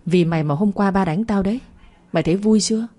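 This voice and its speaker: A woman's voice: mid-range voice, quick pace, mellow, natural voice. A woman voicing a jealous, spoiled young daughter who talks in a whiny, spiteful way.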